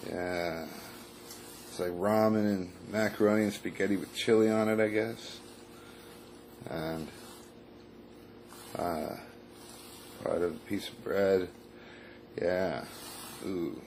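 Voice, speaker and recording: A man hosting his own video, musing aloud in a halting, casual way while sorting through a home kitchen and later describing a phone game. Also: deep voice, steady tone, a little mellow, slight background noise. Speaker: video host. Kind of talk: casual rambling commentary.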